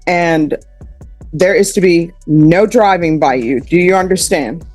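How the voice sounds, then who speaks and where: A woman's voice: lowish voice, unhurried, darkish tone, soft background music. A woman judge presiding over a hearing, heard in a courtroom recording, speaking firmly and going step by step through the procedure. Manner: firm, procedural, speaks directly to the defendant.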